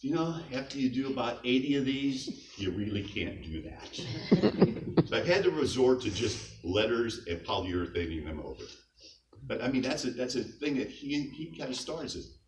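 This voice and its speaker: Far from the mic in an echoey hall, a middle-aged scout leader with a medium, sing-song voice delivers a casual eulogy at a moderate pace. He chuckles now and then over light anecdotes, and faint noise is audible.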